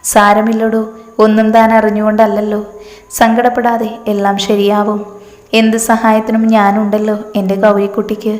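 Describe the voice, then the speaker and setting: A woman's voice: mid-range voice, completely flat delivery, moderate pace, faint music behind, close to an everyday voice. A woman voicing a kind, comforting young village man. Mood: gentle. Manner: gentle, reassuring and teasing. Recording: echoey room with long reverb.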